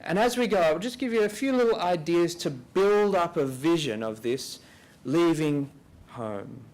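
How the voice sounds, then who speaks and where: A man speaking at a church briefing day, giving a slow, calm reflective talk that leads listeners through a guided prayer with pauses. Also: high voice. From Australia.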